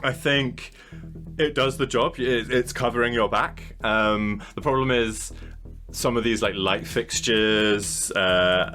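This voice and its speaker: Low, bright-voiced man running a game. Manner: rambling, full of likes and uhs. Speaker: game master. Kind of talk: narrating a tabletop game.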